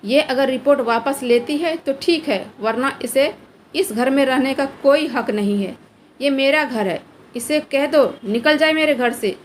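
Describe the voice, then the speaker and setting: A woman's voice: high voice, a little slow, slight background noise. A woman voicing a stern, angry middle-aged father who scolds and gives orders in a spoken story. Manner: scolding, commanding.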